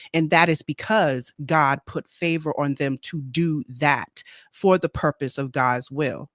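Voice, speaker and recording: A man speaking earnestly in a casual faith discussion on a video call, slowing down to stress his points. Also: fairly high pitch, sharp tone, dry recording, studio quality. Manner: earnest, slow and deliberate when stressing a point. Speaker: panelist on a faith talk stream.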